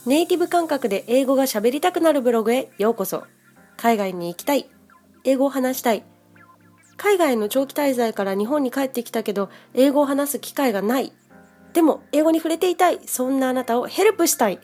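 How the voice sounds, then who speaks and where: A Japanese woman hosting a podcast, giving a chatty pronunciation lesson and switching between Japanese and slow, careful English. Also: high-pitched, animated, a little mellow, faint music behind. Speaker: podcast host and English teacher.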